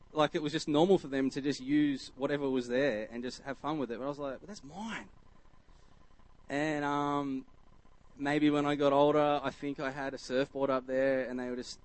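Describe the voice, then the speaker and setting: Chatty Australian man preaching casually. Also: mid-range voice. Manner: rambling and chatty, full of fillers and restarts. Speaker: church speaker. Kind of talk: casual storytelling sermon.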